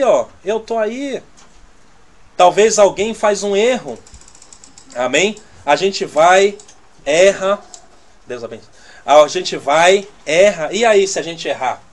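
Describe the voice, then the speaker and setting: Man teaching a church class. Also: high voice. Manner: conversational, checks the audience with constant "né?" and "tá entendendo?"; loudness swings from near-muttered asides to emphatic bursts. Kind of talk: teaching sermon to a congregation.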